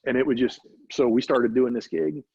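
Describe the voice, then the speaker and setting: A middle-aged man, an interview guest, telling animated faith-driven stories and often asking "right?". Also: mid-range voice, normal speed, gravelly, husky. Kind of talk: casual storytelling interview. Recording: dry, slightly dull recording.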